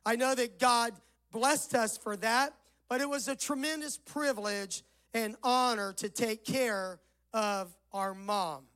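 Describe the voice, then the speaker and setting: A male pastor with a Southern US accent delivers a sermon in a fairly high-pitched voice. It is rough and hoarse, with a hollow sound as if from inside a barrel. He sets out each phrase deliberately, as one reciting scripture. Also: fairly bright tone.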